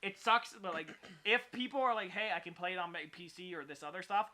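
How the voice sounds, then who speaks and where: Bright-voiced excitable male podcast host. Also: high voice, fairly quick. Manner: rambling, filler-heavy, excitable. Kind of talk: casual chat.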